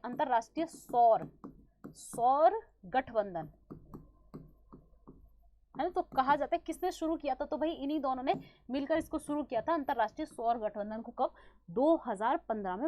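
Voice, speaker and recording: Brief: woman exam-prep teacher, Hindi accent, sore throat, rapid quizzing delivery, high voice. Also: animated, mellow. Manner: fast-talking, quizzing students with repeated questions and fillers. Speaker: current affairs teacher.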